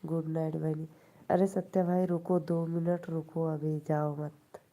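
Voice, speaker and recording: A woman's voice: deep voice, flat delivery, a little slow, dark tone. A woman with an Awadhi accent hosting a live stream, chatting casually with viewers, teasing them and laughing often.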